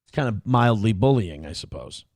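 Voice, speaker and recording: A man's voice: on the low side, lively intonation, fairly quick, a little mellow, slight background noise. An American man hosting comedic political commentary in a sarcastic, emphatic manner. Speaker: talk show host.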